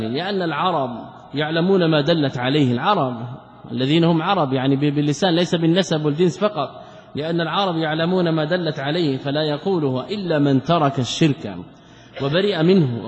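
A man, a sheikh, explaining a classical religious text in a lesson. He poses rhetorical questions, answers them himself, and repeats key words for emphasis. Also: fairly high pitch. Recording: dull lo-fi recording with long hall reverb.

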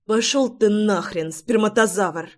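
A woman's voice: medium pitch, measured pace, close to an everyday voice. A woman voicing a fiery pregnant young wife who hisses and snaps back at her husband in an audiobook. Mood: hissing anger. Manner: hissing, snapping.

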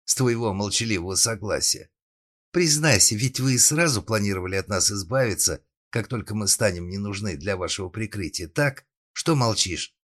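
A man's voice: fairly low pitch, expressive, normal speed, fairly bright tone. A man voicing a desperate young woman held at gunpoint, who moves from pleading to raging fury in an audiobook. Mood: furious. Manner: pleading, then spitting fury.

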